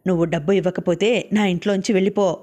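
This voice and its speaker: A woman's voice: fairly low pitch, steady tone, fast talker, mellow, natural voice. A woman reading the lines of a husband pressing his wife for money. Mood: insistent. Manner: insistent, pressing. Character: pleading, then angry young husband.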